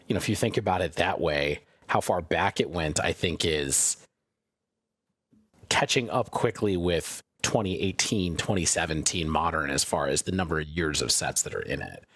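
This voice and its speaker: A man co-hosting a podcast, chatting casually in a thoughtful, measured way. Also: low voice, expressive, a bit bright, breathy edge, no echo. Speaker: podcast co-host. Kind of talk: casual chat.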